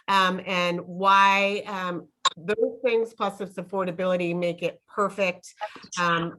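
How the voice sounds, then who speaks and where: A woman's voice: medium pitch, pushed and bright. A woman introducing a webinar class, friendly and rambling, with many fillers. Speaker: host and distributor.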